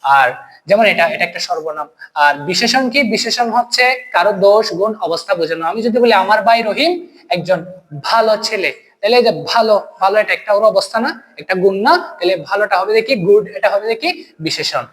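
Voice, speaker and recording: A man's voice: high voice, lively intonation, normal speed, fairly bright tone. A man with a Bangladeshi accent teaching an online grammar lesson, asking quiz questions and answering them himself. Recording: long reverb.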